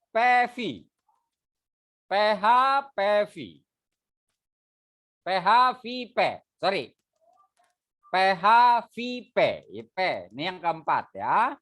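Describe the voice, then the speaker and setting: A man teaching a poetry reading class. His voice swings widely in pitch as he explains things casually and animatedly, demonstrating sounds and drilling his students. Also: sing-song, takes it slowly, pauses often, fairly bright tone. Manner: casual, explanatory, uses fillers like "gitu ya".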